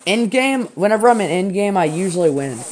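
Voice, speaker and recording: A teenage boy streaming a video game, chatting in a rambling, excitable way with a friend and his chat. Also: high voice, fairly quick. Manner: excitable, rambling gamer banter. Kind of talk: casual gaming stream chat. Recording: noisy home gaming stream.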